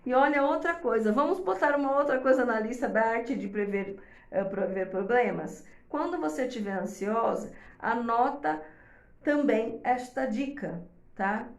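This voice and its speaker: Woman host, gravelly voice, echoey room, chatty advice-giver. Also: on the high side, unhurried. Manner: explains step by step, often checks in with "tá?". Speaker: host giving advice to mothers. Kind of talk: casual advice talk to viewers.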